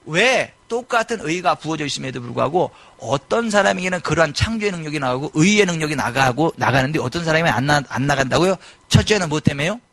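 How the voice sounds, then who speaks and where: A middle-aged male pastor preaching a sermon in a church, animated and given to sudden loud exclamations. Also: on the high side, quick pace, gravelly, few pauses, no echo. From South Korea. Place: church sanctuary.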